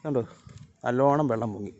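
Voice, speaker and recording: A man's voice: mid-range voice, a little fast, a little mellow, highs cut off. A man filming a casual vlog outdoors beside flooded fields, chatting to the camera and calling his dog and cats to follow him. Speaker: vlogger. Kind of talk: casual vlog narration while walking outdoors.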